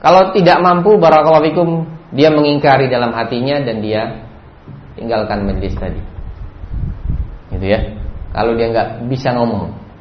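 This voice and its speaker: A man's voice: medium pitch, normal speed, pauses often. A male preacher giving a religious study lecture, who keeps repeating a stock blessing and chants Arabic phrases in a raised voice. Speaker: Islamic preacher. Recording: dull, roomy lecture recording with faint noise.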